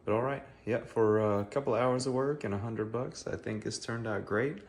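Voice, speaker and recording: A man's voice: mid-range voice, moderate pace. A man casually explaining a DIY project step by step as a hobbyist maker. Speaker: hobbyist maker and vendor showing a DIY build. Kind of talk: casual spoken build walkthrough. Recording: clear background noise.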